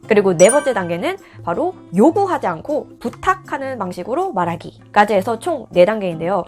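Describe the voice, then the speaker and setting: Young woman, lively pitch, chatty trainer voice, faint background music. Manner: lively, chatty teacher acting out example lines. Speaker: corporate customer service trainer. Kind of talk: casual explanatory vlog.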